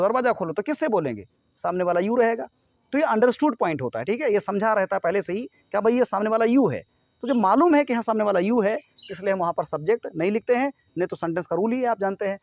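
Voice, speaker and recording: A man with a high voice teaches a grammar lesson to students. He explains step by step and keeps checking that they follow. The sound is close and dry, with almost no room. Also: a little mellow, no echo.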